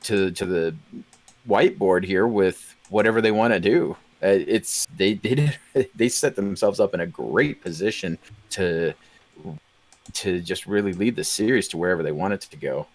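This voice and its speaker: A man with a very deep voice rambles through a casual stream chat, restarting his sentences again and again. His voice sounds dry and close to the mic. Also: moderate pace, no echo. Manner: rambling, many fillers and restarts. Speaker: stream guest.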